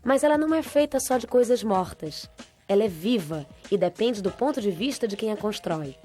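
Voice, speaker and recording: A woman reading a scripted documentary narration in a measured, informative voice. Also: medium pitch. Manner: measured, even informative delivery. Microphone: studio voice-over. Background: background music.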